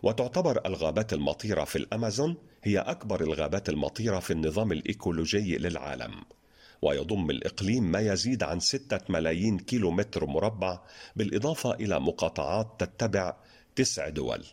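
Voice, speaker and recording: A man's voice: deep voice, expressive, quick pace, darkish tone. A man hosting a radio show, reading listener letters in a formal standard register. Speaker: radio program host.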